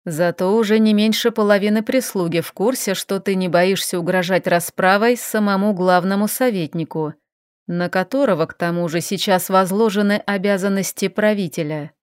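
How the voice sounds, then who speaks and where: A woman voicing a calm, dry-witted male vampire advisor who speaks evenly and unhurriedly in an audiobook. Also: medium pitch, clean tone, no echo, natural voice. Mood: calm teasing. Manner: even, unhurried, teasing.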